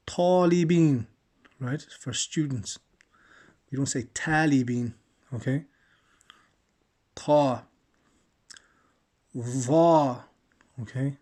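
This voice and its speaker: Brief: male tutor, unhurried pronunciation lesson, repeats sounds, mid-pitched. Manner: models Arabic letters slowly and repeats them, checks in with "okay?". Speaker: Quran recitation teacher. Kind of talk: slow, patient pronunciation lesson.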